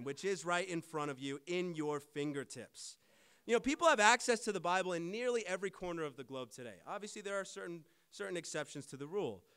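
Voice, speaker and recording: Male preacher, sermon, high clear resonant voice, emphatic, throws questions at the congregation. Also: a bit bright.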